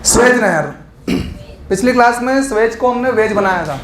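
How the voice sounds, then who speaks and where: A man's voice: extremely high pitch, animated, moderate pace, a bit bright. A man teaching an exam coaching lesson, explaining memory tricks and asking the class questions that he answers himself. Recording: echoey room.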